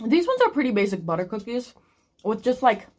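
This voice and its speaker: A woman's voice: on the high side, wildly swooping pitch, a little fast. A woman book vlogger chatting casually to camera and thinking aloud with restarts, eating snacks between sentences. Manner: eating snacks while talking.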